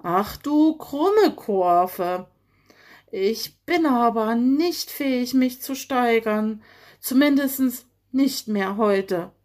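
A woman's voice: sits high, animated, takes it slowly, pitched above the performer's own voice. A woman voicing a proud, grumpy male fox who growls and sulks in a children's audio story. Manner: grumbling, sulky.

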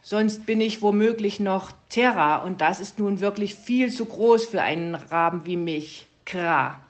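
Fussy male raven teacher, croaks at sentence ends, storybook voice, woman voicing. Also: mid-range voice, measured pace, natural voice. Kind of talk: storybook reading.

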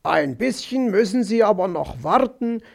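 A man's voice: sits high, very animated, unhurried, vocal fry, a little mellow, exaggerated voice. A man voicing a smug, overly solicitous male fox who talks in a soothing, patronizing way. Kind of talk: audiobook character voice.

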